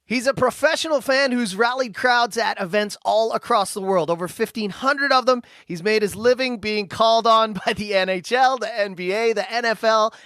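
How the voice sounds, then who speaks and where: A man with a notably high speaking voice hosts the show, reading a prepared introduction in a measured way before moving into questions. The recording is very dry and close, with no room sound around him. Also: a bit bright, no room sound. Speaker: podcast host. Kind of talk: scripted intro and interview questions.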